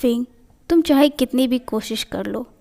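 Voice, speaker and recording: A woman's voice: on the high side, moderate pace, creaky, warm tone. Woman voicing a scheming young rival man. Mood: taunting. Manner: taunting, falsely innocent.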